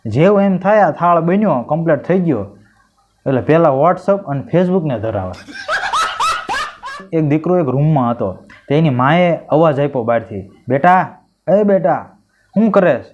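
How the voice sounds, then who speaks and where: A man telling a string of jokes, lively and mimicking the voices of the people in them. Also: fairly high pitch. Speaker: stand-up comedian telling jokes. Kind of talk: joke-telling monologue. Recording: dull lo-fi sound.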